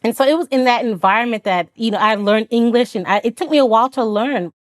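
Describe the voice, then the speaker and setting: Speaking quickly in a fairly high pitch, a woman from Florida recounts her life as a podcast guest. She is an Army officer whose first language is Haitian Creole, and her earnest, reflective telling includes quoted dialogue and plenty of laughter.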